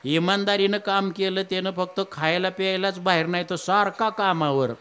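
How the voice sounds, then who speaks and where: A man's voice: sits high, steady tone, normal speed, fairly bright tone, smooth. A man preaching a humorous, folksy Ramayana discourse, with asides to his listeners. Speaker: kirtan preacher.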